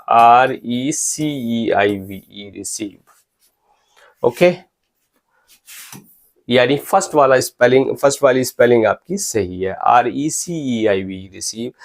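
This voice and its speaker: Slow, deliberate teacher spelling letters. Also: male voice, mid-range voice. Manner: spells words slowly letter by letter, often asks "clear?". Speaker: English teacher. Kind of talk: spelling lecture in Hindi mixed with English.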